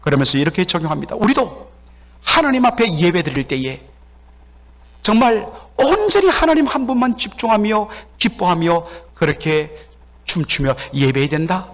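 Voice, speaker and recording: Korean man, pastor, sermon, animated storytelling, high lively voice, church hall reverb. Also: normal speed. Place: church sanctuary.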